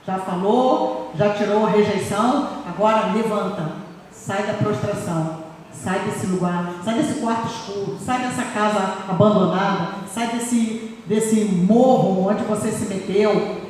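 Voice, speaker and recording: A woman's voice: mid-range voice, measured pace, a little mellow. A woman preaching a sermon with emphasis, often repeating phrases for stress. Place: church sanctuary. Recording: echoey hall, voice far from mic, faint noise.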